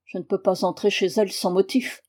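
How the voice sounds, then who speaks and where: Brief: awkward earnest young gentleman from a read-aloud novel, a woman narrator doing him. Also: mid-range voice, level tone, fairly quick, close to an everyday voice.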